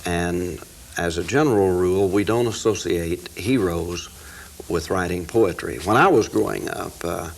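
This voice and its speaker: A man from the United States speaking as an interview guest in a deliberate, folksy storytelling way. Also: low voice, creaky, a little hiss or hum. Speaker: interview guest, cowboy poetry expert. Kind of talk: informal interview talk with recited verse.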